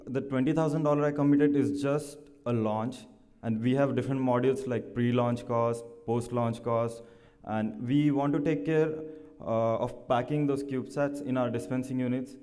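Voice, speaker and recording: A man presenting a startup, answering questions at a pitch competition in halting, explanatory, slightly non-standard English. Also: fairly even intonation, dark tone. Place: large conference hall. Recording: echoey hall, long reverb.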